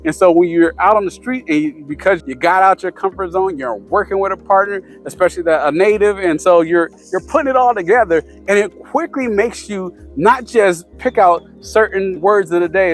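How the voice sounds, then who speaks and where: High-voiced man rambling casually. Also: a little fast, hardly any pauses, faint music behind. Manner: rambling, many "you know" fillers and restarts. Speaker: vlogger sharing language-learning tips. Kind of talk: casual talk to camera.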